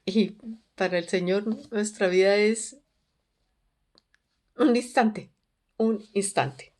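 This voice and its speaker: A woman teaching a Bible study in an earnest, measured way, often posing questions to her listeners. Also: medium pitch, a little mellow.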